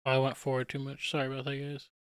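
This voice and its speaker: A man's voice: mid-range voice, quick pace, clean tone, no echo, studio quality. Laid-back man rambling over manga panels. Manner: relaxed, rambling, chuckles at himself. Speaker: streamer analyzing manga panels. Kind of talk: casual commentary.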